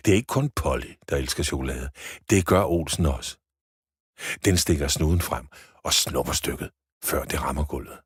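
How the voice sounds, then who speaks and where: A man reading a Christmas story for children, with expressive storybook narration. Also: a bass voice, slightly rough, dry recording.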